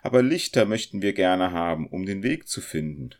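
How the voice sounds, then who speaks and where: A man's voice: deep voice, animated, normal speed, pitched above the performer's own voice. A man voicing a cautious, serious young student in a storybook reading, earnest and wary.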